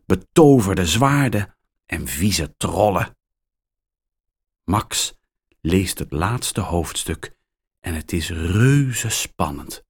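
A man reading a children's story aloud, very slowly and with clear, expressive articulation. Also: low-pitched. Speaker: narrator.

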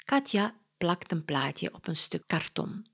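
Brief: female storyteller, children's book, very slow and lively. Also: lowish voice. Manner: slow, clear, expressive reading. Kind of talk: reading a children's story aloud.

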